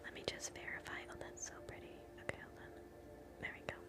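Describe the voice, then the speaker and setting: A woman whispering softly through an ASMR scalp-exam role play, chatting gently with live viewers between slow steps. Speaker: ASMR livestream host.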